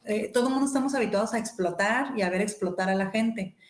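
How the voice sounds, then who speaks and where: A woman hosting a radio talk show, explaining to listeners in a lively storytelling way. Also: medium pitch, fast. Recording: roomy echo.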